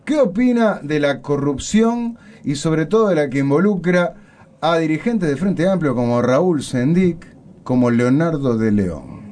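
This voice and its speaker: A man hosting a radio interview, talking in an animated, excitable and jokey way. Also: on the high side, a little slow. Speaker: radio host.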